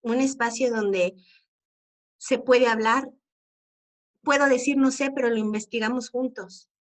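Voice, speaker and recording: A woman's voice: on the high side, fairly even intonation, measured pace. A middle-aged Mexican woman giving an informal, earnest talk to parents, often asking rhetorical questions. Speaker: speaker on parenting and equality.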